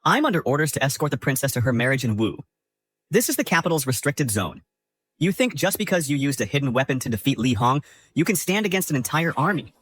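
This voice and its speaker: A man's voice: mid-range voice, sing-song, fast, fairly bright tone. An actor playing an arrogant, sneering young nobleman, the prime minister's son, in a dubbed drama. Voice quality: sneering, boastful, turns pleading. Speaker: villain.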